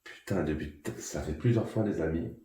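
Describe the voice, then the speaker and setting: A man investigating an abandoned manor, murmuring remarks and then calling out loudly to spirits. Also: deep voice, moderate pace, a little hiss or hum. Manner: hushed remarks broken by loud calls to spirits. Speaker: paranormal investigator. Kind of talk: live ghost-hunting commentary. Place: large abandoned manor indoors. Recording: echoey, off-mic in empty rooms.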